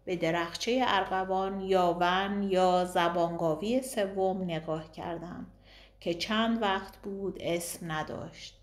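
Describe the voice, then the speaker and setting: A woman narrating a novel as an audiobook, in a calm, even storytelling manner. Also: fairly low pitch, roomy sound. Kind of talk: novel reading.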